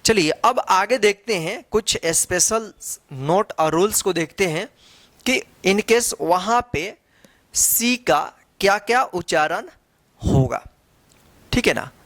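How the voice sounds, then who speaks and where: A woman's voice: mid-range voice, lively intonation, takes it slowly, a bit bright, no echo. A woman teaching a phonics lesson, spelling out letters one by one and then reading the word. She repeats each word and asks rhetorical questions as she goes. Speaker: English teacher.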